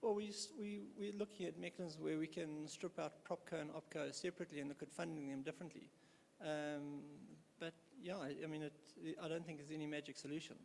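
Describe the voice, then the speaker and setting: A gravelly man from Natal speaks into a handheld mic at a conference, halting and full of fillers. His voice sits a little high for a man. The hall answers with a long reverb and faint ambient noise. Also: steady tone, a little mellow. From South Africa, KwaZulu-Natal. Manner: hesitant, many fillers and restarts. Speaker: hospital developer in audience. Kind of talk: audience question at panel. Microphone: handheld audience microphone.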